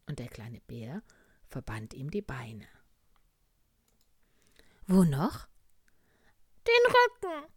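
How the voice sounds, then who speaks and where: Woman storyteller for kids, slow, low-pitched, very lively melody, hushed and soft. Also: breathy edge, dry recording, studio quality. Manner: gentle, hushed, expressive storytelling. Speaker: storyteller for children. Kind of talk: children's story reading.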